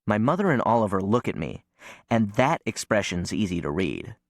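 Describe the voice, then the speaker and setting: A man narrating a novel in first person in an even, measured way. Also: lowish voice, no room sound, studio quality. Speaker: audiobook narrator.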